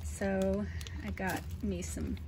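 A woman showing off her groceries in a casual home vlog, chatty and unhurried, with frequent ums. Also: medium pitch, level tone, noisy background. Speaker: vlogger, mother. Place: home kitchen.

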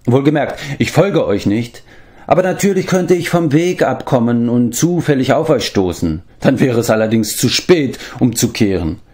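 A sly, quick-witted young princess, teasing and matter-of-fact, her voice lifted well above a man's own, as an audiobook narrator puts her on. She speaks with animated, rising lines in a storybook reading. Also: medium pitch, voice pushed up, natural voice.

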